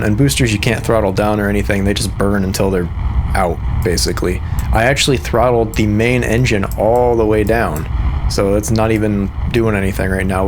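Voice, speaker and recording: A man with a Midwestern accent talks through a game in a loose, unhurried way, explaining things with plenty of ums and likes. His voice sits on the low side. A faint noise runs under the recording. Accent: Midwestern American. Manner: relaxed, rambling, explanatory, with frequent fillers. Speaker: musician and host. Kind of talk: casual gameplay commentary.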